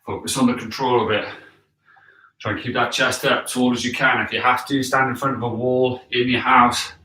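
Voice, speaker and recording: A man's voice: mid-range voice, flat delivery, normal speed, bright, forceful tone. A man in his thirties giving casual, encouraging workout instruction, often checking in, recorded in a living room from a few metres away. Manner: encouraging, checks in with "okay?" and "all right?". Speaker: fitness coach leading a home workout. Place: living room with wooden floor, indoors. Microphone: camera a few metres away. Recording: echoey room, distant from the mic.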